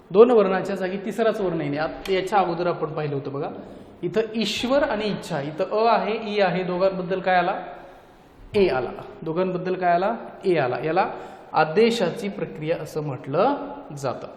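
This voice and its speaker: A man's voice: sits high, lively intonation, normal speed, darkish tone. A male teacher giving a grammar lesson with a Marathi accent. He asks his own questions and answers them, repeating each key point. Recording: echoey, noisy room.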